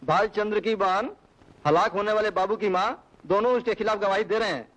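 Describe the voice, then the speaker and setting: A man's voice: high voice, normal speed, fairly bright tone, poor audio. An actor playing a corrupt officer laying out a plan to frame a man in a dubbed film drama. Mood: scheming. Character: scheming corrupt police officer briefing a plot. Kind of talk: Hindi-dubbed film acting.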